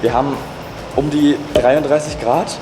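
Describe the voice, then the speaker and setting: Excited male travel vlogger outdoors. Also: medium pitch, unhurried, roomy sound, music in the background. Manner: excited, upbeat, repeats intensifiers. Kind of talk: casual travel vlog. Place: outdoors in a city.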